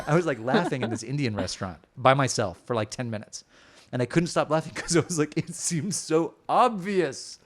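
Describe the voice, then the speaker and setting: A man's voice: mid-range voice, expressive, a little fast. A man as a podcast guest in casual conversation, talking openly and reflectively with many filler words.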